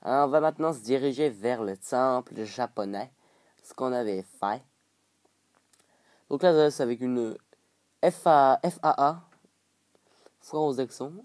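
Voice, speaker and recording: A man's voice: medium pitch, measured pace, long pauses, a little mellow, no echo, studio quality. A man giving casual gameplay commentary, rambling and jokey, full of hesitant fillers and silly put-on accents. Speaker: gaming video creator.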